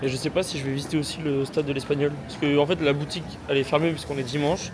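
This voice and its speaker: A male vlogger recording his travels speaks rapid-fire in a fairly high voice that barely shifts in pitch. Loose and slangy, he mocks himself and leans on fillers often. He's mostly outside on sunny, busy city streets, with traffic and crowd noise around his small handheld gimbal camera mic.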